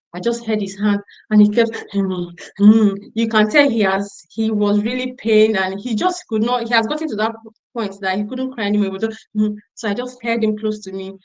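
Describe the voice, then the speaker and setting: A middle-aged woman gives a storytelling talk to a conference audience. She is earnest and emphatic, and she circles back on key phrases to drive them home. Her pitch sits mid-range for a woman. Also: steady tone, a little fast, rough recording. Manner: emphatic, repeats phrases for stress. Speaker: conference speaker on parenting.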